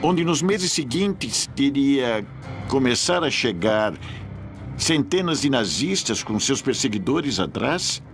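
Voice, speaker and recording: A man's voice: medium pitch, big pitch swings, slow pace. A man giving dubbed interview commentary for a documentary. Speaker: voice-over dubber of an expert interviewee. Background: faint music.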